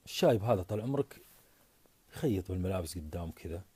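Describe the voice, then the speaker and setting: A man telling a story in a casual, animated way. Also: sits low, husky, dry recording. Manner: rapid, animated, conversational.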